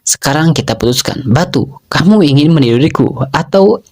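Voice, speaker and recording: Picture a lazy young lord who loves women and never stops joking, his voice a little higher than plain speech, as a man narrator puts him on. Lines come out teasing and exclaiming, with a touch of mock despair. It is a cartoon story recap. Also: animated, moderate pace, a little mellow.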